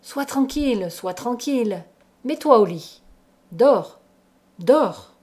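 Lady doing a worried mom hushing her kid in a storybook, soft and pleading, a bit higher. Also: lively intonation, measured pace. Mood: urgent, soothing. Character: anxious tender mother soothing her child.

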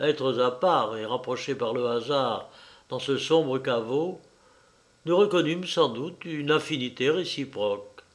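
A man reading a literary tale aloud, with measured, formal storytelling. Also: medium pitch. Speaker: audiobook narrator. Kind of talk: scripted literary narration.

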